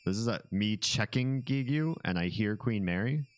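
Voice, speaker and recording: A man's voice: lowish voice, animated, moderate pace, no room sound. A man giving casual gameplay commentary with wry, joking asides. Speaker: gamer playing and commenting.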